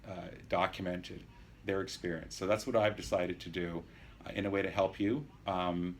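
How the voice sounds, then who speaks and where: Casting: man, early 50s, low register, earnest patient vlogger, measured and halting delivery, faint background noise. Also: level tone. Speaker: patient sharing his surgery experience. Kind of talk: casual video diary, explanatory. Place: private hospital room.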